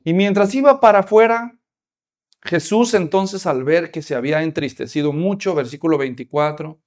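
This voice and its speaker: A male preacher delivers a sermon in a high, bright register. He is animated, acting out little scenes with humor and pressing his points with emphasis. His voice swings from hushed asides to loud declarations. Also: moderate pace.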